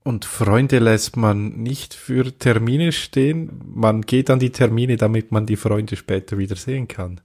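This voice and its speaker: A man's voice: on the low side, unhurried, few pauses, a little mellow. A man on a comedic panel show, cutting in with short, dry remarks.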